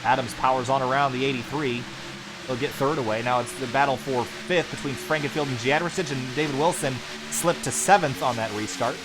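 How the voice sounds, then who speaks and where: A man calling sim racing play-by-play as lead commentator, quick and building excitement during the action. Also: medium pitch, over music.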